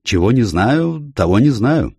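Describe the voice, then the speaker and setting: A gruff, grumbling landlady, as a man reads her, blunt in every word yet kind underneath. The voice stays low, dark and slightly husky. The recording is dry and close. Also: big pitch swings, measured pace, no echo, exaggerated voice.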